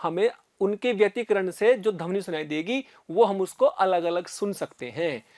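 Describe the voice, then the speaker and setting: A man's voice: high-pitched, expressive, moderate pace, a little mellow, no room sound. Male physics teacher, patient, checks in with students a lot, dry recording. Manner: explains step by step and often checks in with "है ना" and "ठीक है"; repeats sounds aloud to demonstrate. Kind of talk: recorded classroom lecture.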